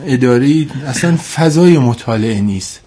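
A man's voice: mid-range voice, lively intonation, mellow. A man with a cold and a congested, stuffy nose, speaking formally and hesitantly as an expert guest in a radio interview, repeating points for emphasis. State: has a cold.

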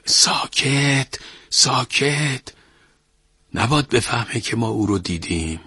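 A man doing a hushed, scheming old merchant. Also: low-pitched, steady tone, slightly rough, no room sound, clean studio sound, exaggerated voice. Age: older. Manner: hushed, conspiratorial.

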